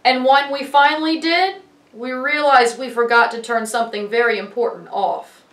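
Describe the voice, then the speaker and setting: Woman narrator, high voice, wry and light, recorded roomy and off-mic. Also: normal speed, a bit bright. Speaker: video narrator. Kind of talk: scripted voice-over narration. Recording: echoey and distant.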